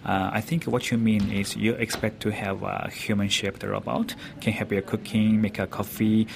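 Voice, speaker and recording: Captured in a noisy recording at a public event, this robotics company representative from China speaks hesitant, Chinese-accented English while explaining things in an interview. His voice is lowish and fairly flat, with vocal fry and a normal speed.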